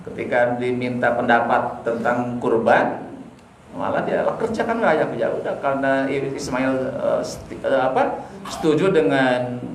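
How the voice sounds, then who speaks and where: A man's voice: fairly high pitch, slight background noise. A man with a Sundanese-tinged accent preaching in a casual storytelling way to a women's study group, asking them questions and joking. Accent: Sundanese-tinged Indonesian. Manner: chatty, asks the audience questions, jokes. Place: indoor religious gathering. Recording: echoey room.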